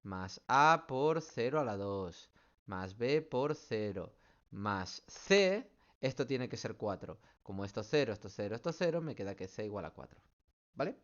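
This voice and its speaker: A man's voice: lowish voice, sing-song, unhurried, lo-fi sound. A man, a math teacher working through student questions in an online class, explaining step by step and checking in often. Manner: patient, explains step by step, keeps checking with "¿vale?".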